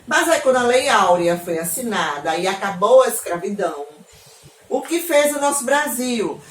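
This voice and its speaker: Brazilian teacher in an echoey room. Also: female voice, fairly high pitch, animated, moderate pace. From Northeast Brazil. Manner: affectionate, frequent checking questions to pupils. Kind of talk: online class lesson for children. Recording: echoey room, mic at a distance.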